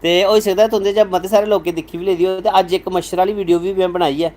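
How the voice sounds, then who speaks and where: A man's voice: high-pitched, level tone, quick pace, a little mellow. A man with a Dogri accent, a comedian chatting casually with viewers on a live stream, telling stories in a playful way. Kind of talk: casual live chat answering viewer comments.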